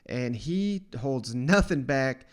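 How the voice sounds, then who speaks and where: A man's voice: mid-range voice, animated, slow pace. A man hosting a casual sports talk show in a chatty, folksy manner.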